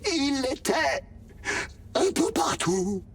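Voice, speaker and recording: A sentient vending machine in a video game, wry and gentle. The delivery is unhurried and theatrically expressive, with big swings in pitch. It sounds slightly distant and polite. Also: male voice, husky, exaggerated voice. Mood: melodramatic, brave farewell. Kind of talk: video game acting in French.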